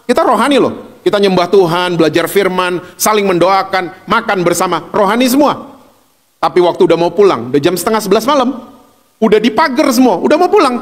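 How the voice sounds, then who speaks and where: A male pastor delivers a sermon full of lively, joking stories. His voice sits high for a man. The sound carries a long reverb from a church hall. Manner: lively, humorous storytelling.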